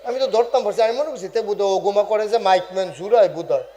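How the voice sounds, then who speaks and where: A high-voiced male preacher gives a humorous sermon at a large religious gathering. He quizzes and teases the crowd in call-and-response, shouting some words and singing others. His voice rings out through a loudspeaker with a long, trailing reverb. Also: fast talker. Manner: shouts key words, sings some phrases. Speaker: Islamic preacher.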